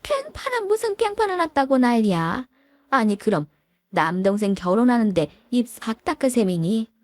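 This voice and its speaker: A domineering older mother-in-law who nags and sneers, as a woman reading a story puts her on. Her pitch is raised and swings freely in a scornful singsong. The voice is dry and close. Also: sing-song, normal speed, dry recording. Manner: scornful, nagging.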